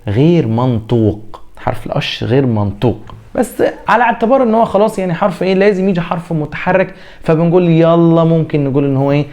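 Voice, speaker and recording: Gravelly Egyptian man teaching French. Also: fairly high pitch, a little mellow. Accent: Egyptian Arabic. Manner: repeats words slowly for the student to echo, asks and answers his own questions. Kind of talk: classroom lesson.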